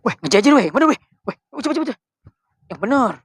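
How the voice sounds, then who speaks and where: Male actor as fussy guard recruit, high voice, excitable, Betawi Indonesian accent, dry sound, comedy sketch. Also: fast, slightly rough, dry recording, heavily acted. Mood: bossy, agitated.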